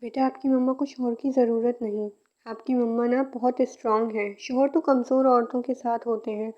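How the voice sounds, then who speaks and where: A woman's voice: high-pitched, steady tone, a little slow. Woman voicing a scolding young father. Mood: gentle. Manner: voices an angry scolding then a soft coaxing tone. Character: adult man, angry then tender father. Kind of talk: fan fiction reading. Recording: muffled lo-fi recording.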